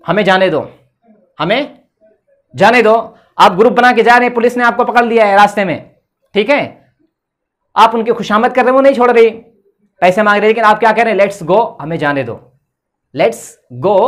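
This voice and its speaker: Speaking briskly in a high voice, a male English teacher works through a board lesson with a tinged accent. He is patient in his explanations and keeps repeating check-ins like "theek hai."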